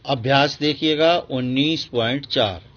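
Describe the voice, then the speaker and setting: Man, school teacher, slow patient explaining, repeats examples, dull lo-fi recording. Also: medium pitch, fairly bright tone. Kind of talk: recorded grammar lesson.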